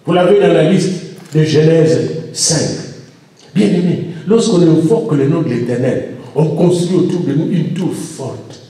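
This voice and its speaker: A man preaches a sermon, exhorting his congregation directly with emphatic, repeated appeals and addresses to them. His voice is on the high side, warm, and unhurried. The sound is echoey, picked up by a distant microphone.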